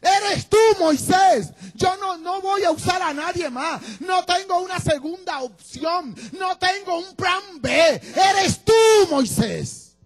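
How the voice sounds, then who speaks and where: A man preaching, giving voice to God as he speaks to Moses with passionate, shouted pronouncements. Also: a little high, lively intonation, moderate pace, long pauses, husky. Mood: fervent. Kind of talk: sermon.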